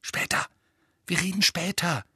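A man voicing a bright, bossy teenage girl who explains rules with firm certainty. The voice is lifted from a plain reading voice and recorded dry and close, like a storybook narration. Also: high-pitched, unhurried, breathy edge, dry recording, voice pushed up, exaggerated voice. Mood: urgent. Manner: know-it-all, firm.

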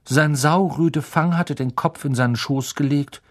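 A man reading a children's novel aloud as audiobook narrator, in a calm, measured way. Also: fairly high pitch. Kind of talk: scripted narration.

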